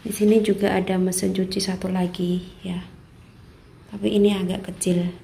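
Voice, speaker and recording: Speaking at a normal pace in a creaky, dark, mid-range voice with flat delivery, a young Indonesian woman shows off her employer's apartment in Taiwan room by room. She films on a handheld phone while walking, chats casually, often whispers, and repeats "seven seperti ini," with slight background noise in the indoor space.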